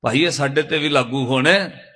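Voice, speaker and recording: A man's voice: fairly high pitch, moderate pace, pushed and bright. A man preaching a storytelling sermon to a congregation, earnest and pleading, sometimes breaking into sung verses. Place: large hall with a congregation. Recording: long reverb of a large hall.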